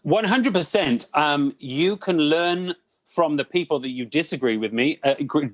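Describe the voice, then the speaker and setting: A man giving conversational interview answers as a cruise director, telling anecdotes in an animated way and acting out quoted remarks. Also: on the high side, unhurried, dry recording.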